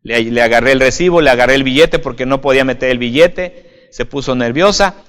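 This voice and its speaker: Pastor in a reverberant hall. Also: male voice, medium pitch, a little fast, a bit bright, clean tone. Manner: conversational, often adds "right?", addresses listener as "usted". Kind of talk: informal video sermon.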